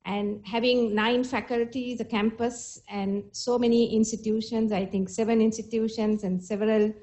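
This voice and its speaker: A middle-aged woman with a Sri Lankan accent gives a formal ceremonial speech as chief guest, in a measured manner. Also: fairly high pitch, flat delivery, warm tone, rough recording. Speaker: chief guest and university vice chancellor giving an address.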